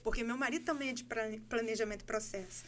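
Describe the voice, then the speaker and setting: A Brazilian woman telling a story in casual podcast chat, animated and laughing as she acts out dialogue. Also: fairly high pitch, fast talker, slight background noise. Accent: Brazilian Portuguese. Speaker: guest.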